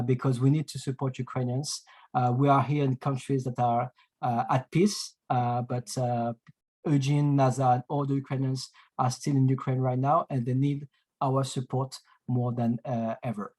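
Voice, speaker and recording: A webinar host from France, heard through a video call, speaks with a French accent in a medium-pitched, slightly mellow voice. He runs the online session haltingly, full of fillers and restarts.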